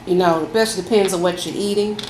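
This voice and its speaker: Low-pitched woman chatting in an echoey room. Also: steady tone, brisk, a little mellow. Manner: folksy, addresses listeners as y'all. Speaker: food vlogger. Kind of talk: casual chatty mukbang, talking to viewers while eating. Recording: echoey room, faint background noise.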